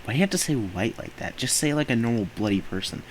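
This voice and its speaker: A man's voice: medium pitch, expressive, fast, slight background noise, poor audio. A man hosting a reaction video, talking back at clips in indignant, emphatic rants. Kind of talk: reaction commentary.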